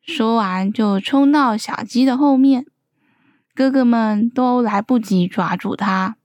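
A woman tells a children's story in an unhurried, gentle, expressive manner. Her voice sits a little high, and the delivery is very slow. The recording is close and dry. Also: no echo.

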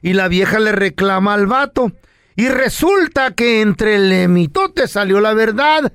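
A Mexican man hosting a comedy podcast, telling a story loudly and theatrically. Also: high-pitched, expressive, measured pace, clean tone, no room sound, studio quality, soft background music. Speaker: podcast host.

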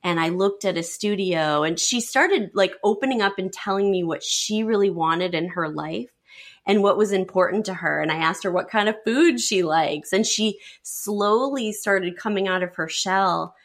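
Woman stylist, interview guest, mid-pitched voice; lively storyteller who slips into the voices of the people she quotes. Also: normal speed. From lives in Sarasota, Florida.

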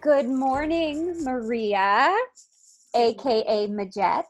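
Soft music sits under this woman's fairly high voice as she hosts a podcast at a slow pace. She reads a prepared introduction for her guest, then chats with them eagerly and upbeat in a relaxed interview.

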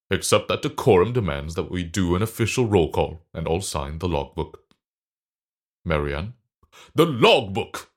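A man playing a pompous booming sailor. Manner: pompous, theatrical proclamations. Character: pompous grandiose old-time sailor man. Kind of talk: comedic audio drama.

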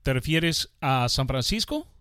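A man hosting a podcast interview, asking warmly curious questions. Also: medium pitch, big pitch swings, measured pace, smooth, no echo, studio quality. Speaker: podcast host.

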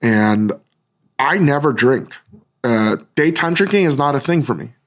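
A hungover man hosting a podcast, talking in a casual, rambling monologue with a halting, musing delivery. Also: mid-range voice, expressive. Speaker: podcast host.

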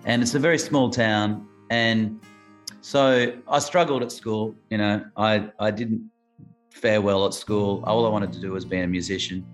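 A man's voice: lowish voice, fairly even intonation, measured pace, soft background music. An Australian musician in his late thirties, talking reflectively in a rambling interview with many restarts. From Adelaide, South Australia. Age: late 30s. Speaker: musician guest. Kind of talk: casual interview chat.

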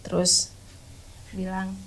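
A woman, a podcast guest who recalls a camping trip in a casual, halting way, often stopping to search for words. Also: mid-range voice, completely flat delivery, a bit bright, a little hiss or hum, poor audio. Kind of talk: casual spoken recollection.

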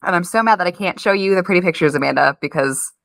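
A woman co-hosting a podcast in casual chat, bubbly and quick to laugh. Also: on the low side, creaky, a bit bright, no room sound. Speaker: podcast co-host. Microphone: remote call.

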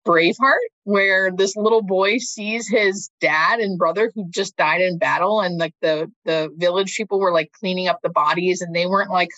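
A woman's voice: on the low side, fairly bright tone, dry recording, lo-fi sound. A woman speaking as an interview guest, a hospice nurse talking casually and thinking aloud as she checks for agreement.

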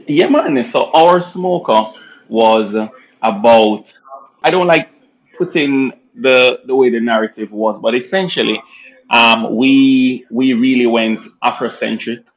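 A man with a Jamaican accent, born in Nigeria, talking as a guest physician in a casual interview, animated and laughing often, restarting phrases as he goes. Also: mid-range voice, slow, lo-fi sound. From born in Nigeria, raised in Jamaica.

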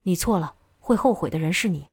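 A woman's voice: lowish voice, expressive, a little fast, darkish tone, husky, no room sound, clean studio sound. A woman voicing a tough, commanding martial-arts fighter man in a storybook reading, with blunt commands. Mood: angry.

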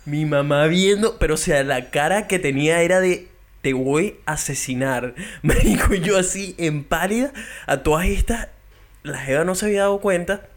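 A man's voice: high-pitched, moderate pace. A young man with a Venezuelan accent, co-hosting a casual podcast chat and telling stories with lots of laughter. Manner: animated storytelling, laughs often. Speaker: podcast co-host.

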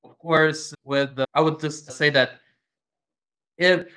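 A man being interviewed as a guest, speaking hesitantly and pausing to find his words. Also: a little high, steady tone, bright, forceful tone, clear, resonant tone. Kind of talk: interview conversation.

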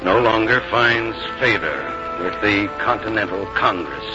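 A grave, tired army general in a 1950s radio drama. His voice is very deep and he speaks in solemn, measured oratory. The recording is dull, with clear music behind him. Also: expressive. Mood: weary, resigned. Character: weary, grave army general, George Washington.

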